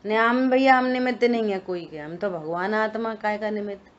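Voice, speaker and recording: A woman's voice: mid-range voice, fairly quick, a crowd in the background. A woman teaching a scripture study session, explaining points and answering her own questions. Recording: dull lo-fi recording.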